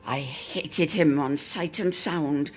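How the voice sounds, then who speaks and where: Another reader in the radio players' production, this woman has a low, husky voice and takes her time with a literary Christmas reminiscence, delivering it expressively and theatrically while drawing out words for emphasis. Soft music plays in the background.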